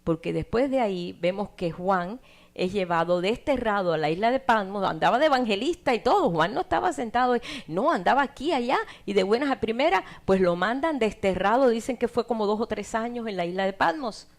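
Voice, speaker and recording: A middle-aged woman preaching a sermon, swinging from loud emphatic lines to hushed, near-whispered asides. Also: mid-range voice, lively intonation, fairly quick.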